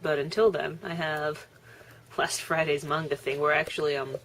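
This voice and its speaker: A woman's voice: sits low, fairly even intonation, moderate pace, a bit bright, slight background noise. A young woman chatting casually on her video blog, laughing often and chewing as she talks. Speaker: vlogger. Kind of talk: casual vlog chat.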